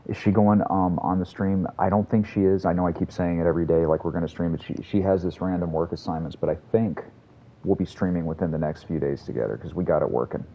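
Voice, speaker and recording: Deep-voiced man cursing through gameplay chatter. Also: steady tone, quick pace, dull audio. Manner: rambling, profane, chatty. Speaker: game streamer. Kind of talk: casual gameplay commentary to a live chat.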